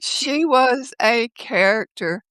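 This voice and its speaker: An older woman speaking as a guest over a video call from her home office, telling stories in a lively way, laughing often and acting out the voices of others. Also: fairly high pitch, slow pace, no room sound. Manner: lively, laughs often, acts out quoted speech. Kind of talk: casual conversational storytelling.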